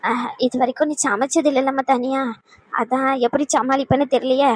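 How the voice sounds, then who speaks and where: A caring mother-in-law in a cartoon who fusses over the young bride, voiced by a woman. High voice, recorded close and dry. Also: fairly even intonation, brisk, no echo.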